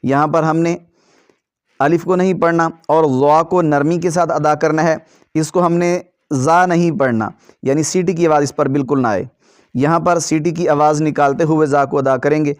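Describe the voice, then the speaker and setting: A man teaching Quran reading who chants letter drills slowly and explains quickly in between. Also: a little high, steady tone, no echo. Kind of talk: slow drilled recitation lesson.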